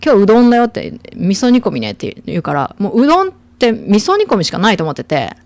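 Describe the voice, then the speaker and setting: A middle-aged woman, co-hosting a casual chat show and telling stories in an animated way. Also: mid-range voice, fast, no echo. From Aichi, Japan. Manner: animated storyteller, lively quoting voices. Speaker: podcast host.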